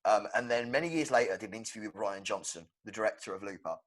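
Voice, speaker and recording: A young man co-hosting a movie podcast in casual, animated chat. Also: lowish voice, fast talker. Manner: animated, acts out quotes. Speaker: podcast co-host.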